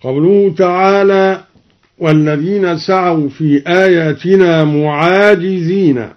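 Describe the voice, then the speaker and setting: A man teaching Quranic reading variants in a radio lesson, explaining each variant and then reciting the verse in a measured, drawn-out way. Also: high voice, steady tone. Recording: dull old radio broadcast recording.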